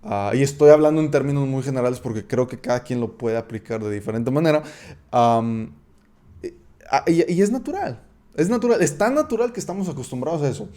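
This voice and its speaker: A man's voice: medium pitch, lively intonation, warm tone. A man with a Mexican accent giving a casual Bible study talk. He speaks conversationally, often checks in with the listener and restarts his sentences. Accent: Mexican Spanish. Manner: conversational, checks in with frequent tag questions; halting, with repeated restarts. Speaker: Bible teacher.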